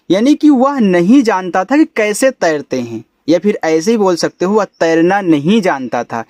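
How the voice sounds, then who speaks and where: A man's voice: high-pitched, darkish tone, no room sound, clean studio sound. A man teaching English, spelling out each word letter by letter and explaining its meaning patiently. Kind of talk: spelling out and reading a story word by word.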